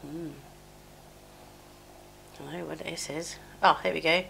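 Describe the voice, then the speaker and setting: Her low, creaky voice holds a steady tone and an unhurried pace against background noise. A middle-aged beauty vlogger with a cold, slightly chesty, she does her makeup at home and rambles through a chatty, scattered, self-mocking get-ready-with-me chat with many fillers. A small mic clipped near her is occasionally covered.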